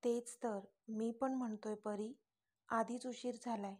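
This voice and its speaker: A woman's voice: a little high, steady tone, unhurried, dark tone. Woman reading as a teasing young man in love. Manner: teasing, smirking, pressing questions.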